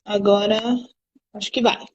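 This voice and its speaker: A woman's voice: medium pitch, little pitch movement, normal speed, slight background noise. A woman guest chatting casually over a video call whose audio keeps breaking up. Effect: choppy video-call audio breaking up. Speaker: patient guest. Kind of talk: casual chat. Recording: dull lo-fi call line.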